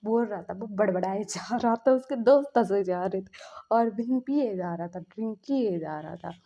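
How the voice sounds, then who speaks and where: A woman's voice: medium pitch, warm tone, highs cut off. A woman casually retelling a fan fiction story aloud, chatty, slipping into the characters' lines as she goes. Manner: chatty, acts out the dialogue in quick asides.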